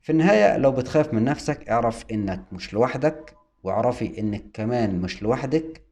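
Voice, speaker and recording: Calm Egyptian man explaining, mellow voice. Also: medium pitch, fast talker. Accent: Egyptian Arabic. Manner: calm, structured, answers his own questions. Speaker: host explaining OCD. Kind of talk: scripted explainer talk.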